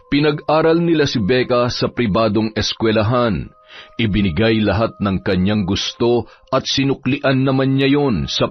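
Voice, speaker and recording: A man narrating a dark true story in a slow, measured, dramatic way. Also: medium pitch, lo-fi sound.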